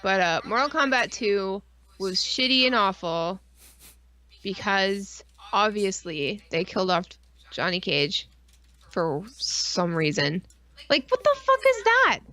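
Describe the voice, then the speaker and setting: On a live online stream, this podcast co-host rages about movies in sarcastic mock fury, swearing freely. She speaks slowly but with great animation, in a mid-range voice with a sharp edge.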